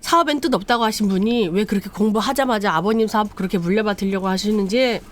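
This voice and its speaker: A woman's voice: medium pitch, fast, a little hiss or hum, lightly acted. A woman voicing a resentful younger son who feels passed over, while retelling a drama story. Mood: aggrieved.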